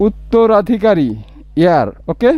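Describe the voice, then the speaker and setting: A man with a Bangladeshi accent tutoring English, reading example sentences slowly and then explaining them step by step. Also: high voice, expressive, no room sound, lo-fi sound. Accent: Bangladeshi Bengali. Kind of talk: recorded tutorial lesson.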